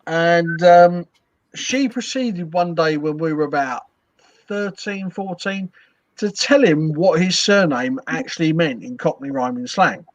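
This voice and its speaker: English bloke w a higher-ish voice telling stories, um and uh a lot, dull dry mic. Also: male voice, measured pace, no room sound. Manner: storytelling with hesitant fillers. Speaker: co-host. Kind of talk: casual chat.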